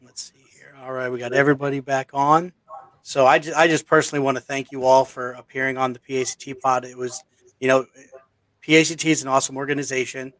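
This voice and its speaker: A man's voice: mid-range voice, level tone, fast, fairly bright tone, no room sound. A man hosting a podcast, wrapping up with easygoing thanks to his guests. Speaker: podcast host.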